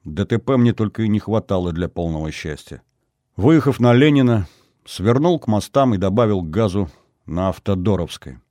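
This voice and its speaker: A man with a low voice reads a first-person novel in a measured, wry way. The recording is dry and close, with no room around him. His delivery stays steady and even. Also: dry recording. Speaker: audiobook narrator.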